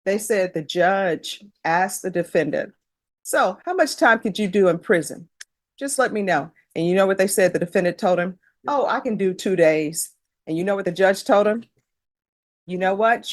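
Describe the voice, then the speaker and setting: A woman's voice: lowish voice, dry recording, studio quality. A middle-aged woman judge questioning a defendant in a courtroom, firm and lecturing, with pointed rhetorical questions.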